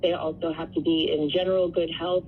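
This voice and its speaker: A woman's voice: deep voice, flat delivery, fairly quick. A woman speaking as an interview guest on the radio, explaining things earnestly and conversationally. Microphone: telephone. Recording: tinny phone line with faint noise.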